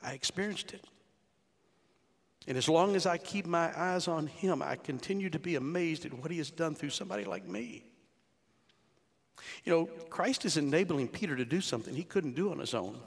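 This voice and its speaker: Older pastor preaching in a reverberant church. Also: male voice, a little high, expressive, normal speed, pauses often. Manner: conversational preaching, rhetorical questions, voices quoted figures. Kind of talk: sermon. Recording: long hall reverb.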